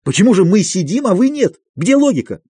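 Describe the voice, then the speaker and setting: Man doing an enraged madman in an audiobook, shrill and shouting. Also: very animated, brisk, breathy edge, no echo, exaggerated voice. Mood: indignant. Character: furious agitated male asylum patient. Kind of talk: audiobook character reading.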